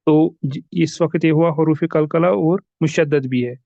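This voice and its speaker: A man's voice: fairly high pitch, fairly even intonation, measured pace, vocal fry, dark tone, no room sound, lo-fi sound. A man teaching tajweed in a recorded lesson, patiently repeating examples and asking and answering his own questions. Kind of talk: recorded lesson explaining rules.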